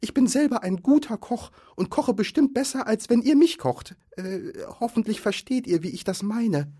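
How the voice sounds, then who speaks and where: A tiny frightened hobbit squeaks and stammers in a very high, loud voice. He sounds panicky and breathless, like a storybook creature caught by monsters. The voice is slightly husky underneath. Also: animated, normal speed. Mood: squeaky panic. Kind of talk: storybook reading.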